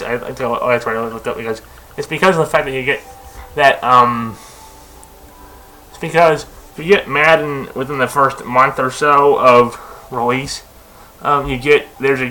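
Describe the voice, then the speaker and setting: A man's voice: mid-range voice, sharp tone, poor audio. A young man talking casually at his computer, rambling with lots of fillers, restarts and tangents. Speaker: video host.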